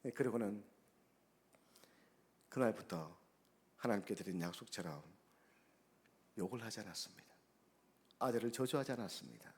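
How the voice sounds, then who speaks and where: A man, a guest pastor, delivering a sermon, preaching emphatically with sharp swings between soft and loud and acting out the people in his stories. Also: on the low side, animated, normal speed, pauses often. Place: church sanctuary. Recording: long church-hall reverb.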